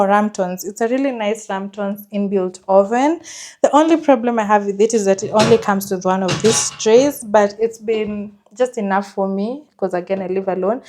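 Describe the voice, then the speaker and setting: A woman's voice: medium pitch, warm tone. A woman giving a casual, chatty house tour, enthusiastic about what she shows. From Kenya. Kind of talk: casual vlog chat.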